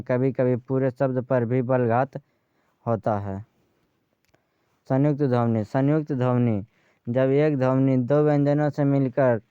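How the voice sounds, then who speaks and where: A man teaching a grammar lesson, speaking slowly and repeating key terms for his students. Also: medium pitch, mellow, clean tone, no room sound, lo-fi sound. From Bihar, India.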